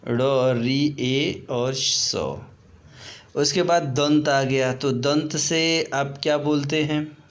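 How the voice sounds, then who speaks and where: A man teaching a grammar lesson, explaining step by step, repeating key terms, putting questions to his students and mixing in English words. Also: mid-range voice.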